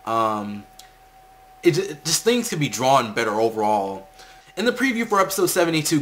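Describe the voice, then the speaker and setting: A man's voice: medium pitch, a bit bright, slight background noise. A man giving a casual, conversational anime episode recap with his own opinionated asides.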